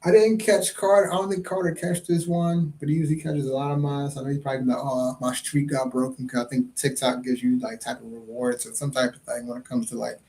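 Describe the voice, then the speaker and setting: A man's voice: mid-range voice, level tone, quick pace, few pauses, a little mellow. A man hosting his own podcast livestream, talking loosely and jokingly in casual chat and swearing freely. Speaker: podcast host and comedian.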